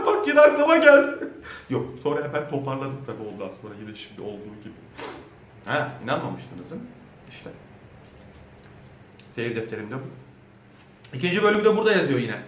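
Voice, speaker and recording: A man's voice: medium pitch, a little fast, long pauses. Playful man telling a children's tale. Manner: playful, animated, theatrical. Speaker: clown doctor storyteller. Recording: roomy echo, mic at a distance, faint background hum.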